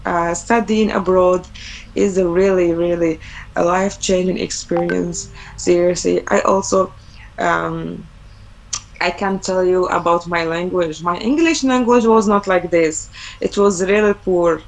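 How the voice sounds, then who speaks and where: A young Algerian woman, a native Arabic speaker, joins a webinar over a video call as a guest, speaking English about her personal experience studying abroad. She sounds hesitant, using many fillers and repeated words. Her lowish, creaky voice stays steady and a little slow, and the recording quality is low.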